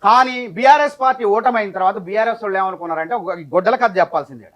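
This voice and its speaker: A man's voice: sits high, fast, a bit bright, dull audio. A man, speaking as a party spokesman in a heated debate who tells a folk parable at length and talks over interruptions.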